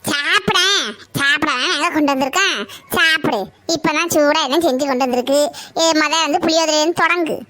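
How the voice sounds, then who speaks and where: A woman plays a caring neighbor in a homemade family skit. Her voice is high and bright. She urges and chides gently. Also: fast. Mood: encouraging. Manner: encouraging, gently chiding.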